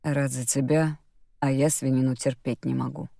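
A woman's voice: very deep voice, little pitch movement, normal speed, creaky, mellow, no room sound, clean studio sound, full character voice. A woman voicing a grumbling stubborn old father. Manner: curt, grumbling. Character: grumpy older father, stubborn, irritable.

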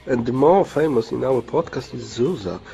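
A man's voice: medium pitch, lively intonation, creaky, mellow. A man with a Polish accent hosting a podcast in casual chat, teasing his co-host and often restarting his sentences. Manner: teasing, halting, restarts a lot.

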